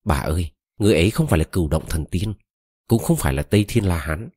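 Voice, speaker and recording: A man's voice: deep voice, lively intonation, fast, darkish tone, breathy edge, no echo, studio quality. A man voicing a pleading lovesick young woman. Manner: pleading, tearful.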